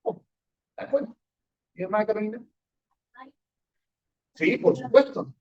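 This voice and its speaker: A man's voice: high-pitched, a little slow, darkish tone. A man teaching a Bible class as a pastor, emphatic and often questioning his listeners. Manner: emphatic, asks the audience often, rising and falling sharply. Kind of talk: sermon-style Bible teaching with congregation questions. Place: church meeting room. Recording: dull lo-fi church recording.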